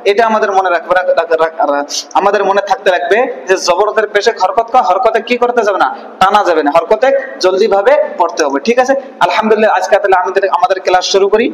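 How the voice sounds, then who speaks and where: A man's voice: high voice, quick pace. A man teaching an online Quran reading lesson, drilling letter sounds and quizzing his students with repeated questions. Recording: echoey room with long reverb.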